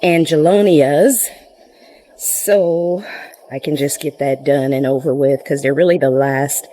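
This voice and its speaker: Low mellow-voiced woman out of breath doing a garden vlog outside, slow and rambly. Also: fairly even intonation, slight background noise, poor audio. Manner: chatty, rambling with fillers. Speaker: gardening vlogger. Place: outdoors in a home garden. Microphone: camera set up nearby.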